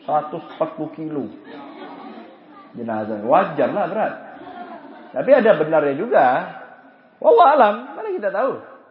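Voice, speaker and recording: Lively high-voiced man teaching in an echoey room. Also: normal speed, long pauses, a faint crowd, slight background noise. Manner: lively, joking, acts out anecdotes; chants call-to-prayer phrases as examples. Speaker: religious teacher. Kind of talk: Islamic study lecture. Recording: echoey, dull lo-fi room recording.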